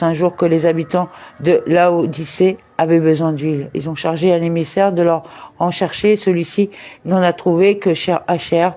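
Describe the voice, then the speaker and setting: Mellow man reading a religious commentary. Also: a little high. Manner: measured reading, with Hebrew terms and verse references. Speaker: reader of a daily study text.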